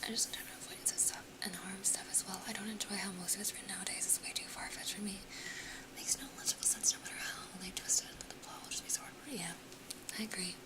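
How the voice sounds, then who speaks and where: A young American woman, an ASMR streamer, whispers softly and chattily to her live viewers the whole time, laughing often and sounding a little sniffly, right up close to the mic. Her mid-range voice is steady and fast, and the recording is rough.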